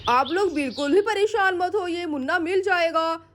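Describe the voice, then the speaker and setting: A woman's voice: very high-pitched, normal speed. A woman voicing a polite, reassuring family father in a doll play story. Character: man, calm family father.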